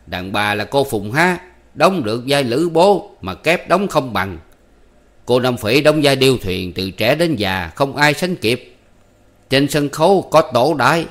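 A man's voice: medium pitch, fairly bright tone, voice pushed up. A man voicing an old male theatre troupe manager who is jovial and commanding, with a theatrical, declaiming way of talking. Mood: scolding. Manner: theatrical, bellowing stage declamation.

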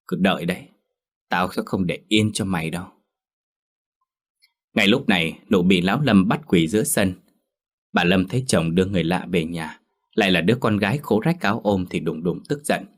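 Low-voiced male storyteller. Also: animated, a little fast. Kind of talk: scripted narration of a ghost story.

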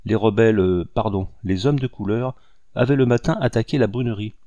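Man voicing a young captive noblewoman, earnest, emotional, dark tone, dry. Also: fairly low pitch, a little fast, dry recording, muffled recording, lightly acted.

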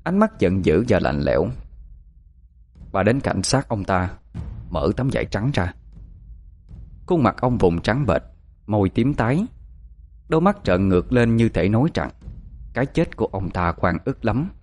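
A man narrating a story in a steady, measured way. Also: lowish voice.

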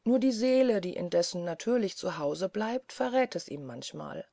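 A woman reading a serious male assistant, storybook, dry and hushed, mellow, close and dry sound. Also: expressive, creaky, no echo. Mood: grave, hushed. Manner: dry, measured, lowered voice. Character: earnest older male scholar's assistant, grave and mysterious.

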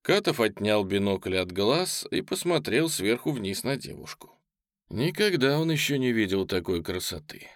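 Male narrator, audiobook reading, lively intonation, dry close sound. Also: fairly low pitch, normal speed, dry recording. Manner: expressive storytelling.

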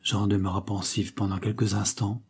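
A man narrating a classic novel as an audiobook, in a measured, dramatic storytelling manner. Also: fairly low pitch, flat delivery, creaky, darkish tone, breathy edge. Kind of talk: scripted literary narration.

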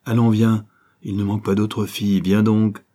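A man voicing a young man who calms a friend in a firm, conciliating way, in a storybook reading. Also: mid-range voice, moderate pace, slightly rough, voice pushed up.

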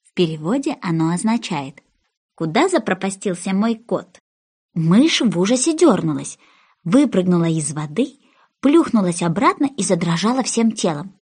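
A woman reading a children's story aloud as an animated, expressive narrator. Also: fairly low pitch, moderate pace, husky. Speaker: storybook reader.

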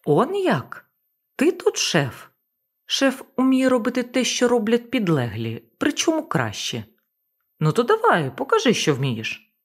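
A woman's voice: fairly high pitch, huge pitch swings, a little slow, breathy edge, pitched above the performer's own voice, full character voice. A woman voicing a scornful male boat captain. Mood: defiant.

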